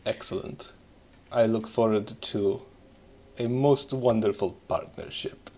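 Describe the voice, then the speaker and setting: Man playing a slow, courtly vampire earl. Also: lowish voice, darkish tone, voice pushed down. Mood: pleased, courteous. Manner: formal, measured, old-fashioned courtly wording. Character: male vampire earl, formal, courteous, unblinking master of the house.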